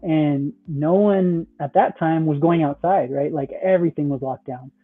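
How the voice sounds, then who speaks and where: Over tinny, phone-like call audio, a metaverse project founder appears as a podcast guest in casual conversation. His voice sits on the high side at a normal speed, and he rambles with plenty of "like," "you know" and "right?"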